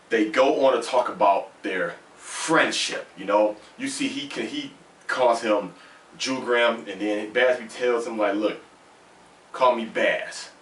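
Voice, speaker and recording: A man's voice: mid-range voice, a bit bright. A man with a lisp and slushy s sounds gives a casual, rambling review, repeating himself for emphasis. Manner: conversational, rambling, emphatic repetition. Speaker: host of a manga chapter review. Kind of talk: casual off-the-cuff review commentary. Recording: roomy, distant mic, faint noise.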